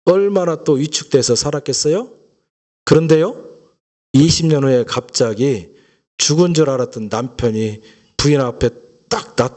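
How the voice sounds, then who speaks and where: Storytelling pastor preaching a lively sermon. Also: male voice, mid-range voice. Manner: lively storytelling with rhetorical questions to the congregation. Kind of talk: Sunday sermon.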